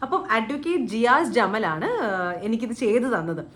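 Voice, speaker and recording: A young woman telling a story to her viewers in a casual, animated vlog, dropping English words into her talk. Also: a little high, normal speed. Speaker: YouTuber.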